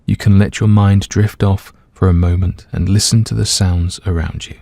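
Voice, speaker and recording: A man gently and calmly leading a scripted guided meditation, letting his voice soften at the ends of phrases. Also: low-pitched, moderate pace, creaky, no echo. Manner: gentle, calm, soothing, hushed at phrase ends.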